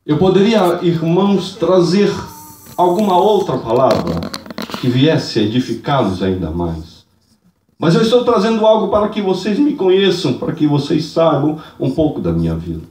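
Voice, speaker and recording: Fervent high-voiced preacher man. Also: sing-song, normal speed. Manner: fervent, swings from hushed to shouting, speaks in tongues. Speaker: church elder preaching. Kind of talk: sermon with personal testimony. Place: church. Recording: echoey church hall, distant mic.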